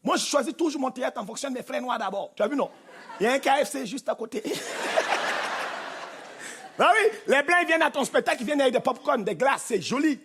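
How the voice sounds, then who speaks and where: A man with a Cameroonian French accent performing stand-up comedy on a theatre stage, animated and punchy, mimicking voices. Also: extremely high pitch, fast. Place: theatre stage with live audience. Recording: live show with faint crowd and noise. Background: audience laughter.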